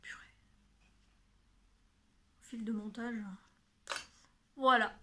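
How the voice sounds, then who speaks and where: On her knitting video podcast, a woman talks casually to the camera, displaying her knitting and yarn and often correcting herself. Her highish voice is steady, bright and forceful, delivered extremely slowly, with slight background noise.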